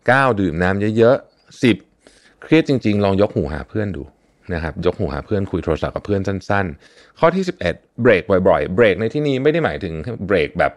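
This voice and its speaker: A young man with a very low voice hosts a podcast. He talks in a relaxed, chatty way, full of small fillers and polite particles. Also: brisk. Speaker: podcast host. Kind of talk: casual podcast talk.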